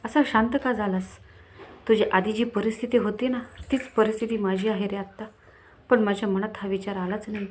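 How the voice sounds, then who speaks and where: A woman voicing a man's cheerful village friend who gives warm, persuasive advice. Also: mid-range voice, a little hiss or hum, lightly acted.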